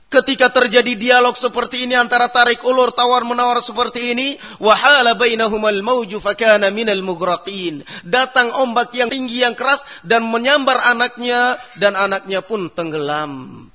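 Animated preacher, high voice. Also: male voice, normal speed, muffled recording. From Indonesia. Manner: animated, acts out quoted parents and children. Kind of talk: sermon. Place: mosque.

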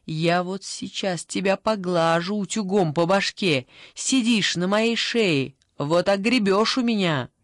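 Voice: a little slow, few pauses, dry recording, studio quality, lightly acted. The narrator voicing Tatyana, a furious young mother who screams and scolds in an audiobook. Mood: threatening. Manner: shrill, screaming. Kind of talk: audiobook character voice.

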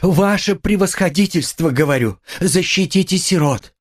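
Man doing a widow woman, proud, desperate, shrill, high-pitched, screaming. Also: lively intonation, moderate pace. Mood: haughty pleading.

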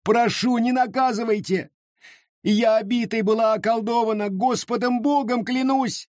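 A man's voice: extremely high pitch, steady tone, normal speed, darkish tone, dry recording, studio quality, voice pushed up. A man voicing a terrified young village girl who sobs and begs for mercy. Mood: pleading. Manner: sobbing, pleading.

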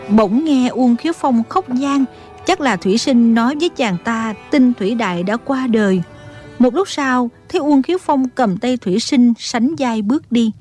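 A woman narrating an audiobook in an even storytelling manner. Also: fairly high pitch, moderate pace, faint music behind.

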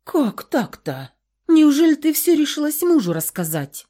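Woman doing old granny, folksy, fussing, slow drawl, kindly, audiobook. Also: mid-range voice, sing-song, darkish tone. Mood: alarmed. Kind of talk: audiobook character voice.

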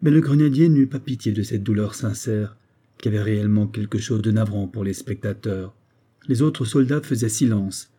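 A man reading a historical novella aloud in a measured, even storytelling manner. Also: on the low side, breathy edge. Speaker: audiobook reader. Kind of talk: audiobook narration.

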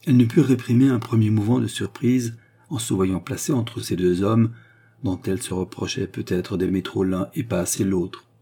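Dark, husky male audiobook narrator. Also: on the low side, fairly even intonation. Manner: measured storytelling with lightly voiced dialogue. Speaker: audiobook reader. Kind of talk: scripted narration of a classic novel.

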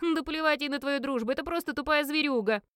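A woman voicing a spoiled, scornful young man who sneers loudly and dismissively. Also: high voice, fast talker, dry recording, clean studio sound, voice pushed up.

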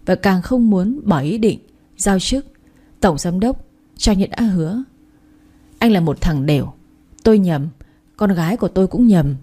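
A stern, angry older father-in-law from a storybook, voiced by a woman narrator. He scolds harshly in a mellow, warm voice that stays close to the reader's own. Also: medium pitch, slightly rough.

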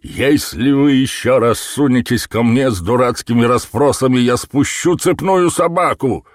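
Furious bellowing goose seller, as a male reader puts him on, raised high and loud, audiobook, dry close sound. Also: a little slow, dry recording, natural voice. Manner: shouting furiously.

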